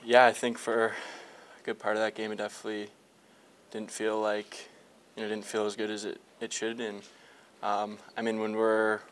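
Speaking at a moderate pace in a lowish, completely flat voice, a young hockey player addresses a post-game media scrum in the locker room. Reporters hold several handheld mics close, slight background noise can be heard, and his replies are full of fillers and restarts.

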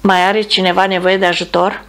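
A woman reading the lines of a male bomber captain who gives steady, commanding orders. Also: medium pitch, natural voice. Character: man, a calm bomber captain giving orders.

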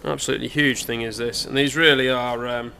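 This young adult auctioneer from England talks through a relaxed, hesitant preview of his sale as he walks a large indoor saleroom, using many fillers. Picked up on a camera mic with a little hiss or hum, his medium-pitched voice is gravelly and sharp, fairly even in intonation and fairly quick.

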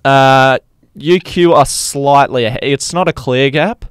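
Australian male sports co-host, conversational, clear tone, very little room sound. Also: mid-range voice, unhurried, no echo, studio quality. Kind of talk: casual sports chat and match recap.

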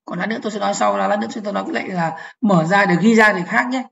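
A woman's voice: mid-range voice, racing, creaky, a bit bright, dull audio. Woman teaching step by step. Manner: explains step by step, repeating phrases and checking understanding. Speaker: programming teacher. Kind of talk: online lecture to teachers.

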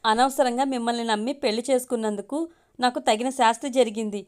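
A woman reads the part of a quick-tempered young wife in a storybook, her voice set a little high. She scolds and sulks in sharp, clipped lines. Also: steady tone, lightly acted. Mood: wailing. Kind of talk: storybook reading.

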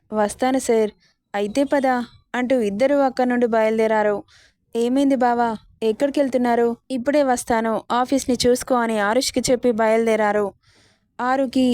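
A woman narrating a romance serial, reading all the dialogue herself in an even storytelling manner. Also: a little high, dry recording, studio quality.

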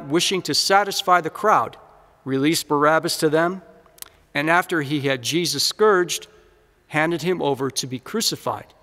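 Male Gospel reader, bright, forceful voice, a little high, long church reverb. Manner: measured proclaiming delivery. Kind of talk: solemn liturgical reading. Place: large church.

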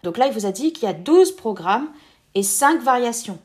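A woman's voice: a little high, animated, normal speed, darkish tone. A woman hosting an app tutorial, explaining each step casually with filler words.

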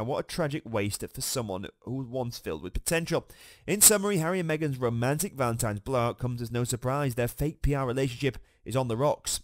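A man's voice: mid-range voice, dry recording. Snarky male gossip host, dry sound. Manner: snarky, mocking. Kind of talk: scripted gossip commentary.

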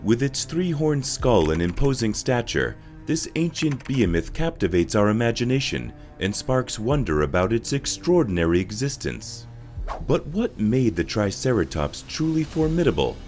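A man reading scripted documentary narration with a dramatic, measured delivery. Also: medium pitch, sing-song, darkish tone, faint music behind.

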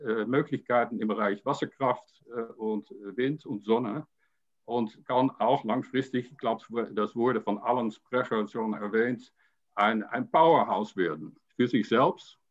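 An older man, a guest on a panel discussion held over video call, speaks haltingly with lots of fillers and repeated words in a medium-pitched voice. He's in a room at home with a painting, and his webcam audio sounds dull and lo-fi.

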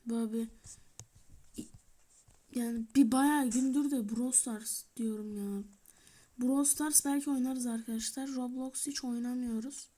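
A woman giving chatty let's-play commentary, talking to her viewers, shouting in bursts and muttering softly as she plays. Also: a little high, fairly even intonation, unhurried, pauses often. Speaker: gaming channel host. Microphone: tablet or phone mic.

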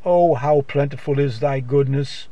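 Reciting a psalm, this man speaks at a measured pace with a warm, medium-pitched voice, and no room sound is audible. His style is that of an old-time gospel radio preacher: solemn, declamatory, and archaically scriptural.

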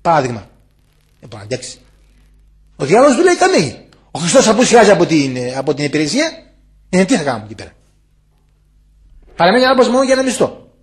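An elder monk, speaking in a high, sing-song voice with frequent pauses, addresses visitors in a monastery guest room. His impassioned talk moves from loud warnings to soft asides.

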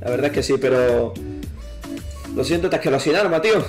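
A man's voice: medium pitch, lively intonation, fast talker, over music. A man from Spain, a gaming streamer teasing another player in casual chat and mock-singing parodies.

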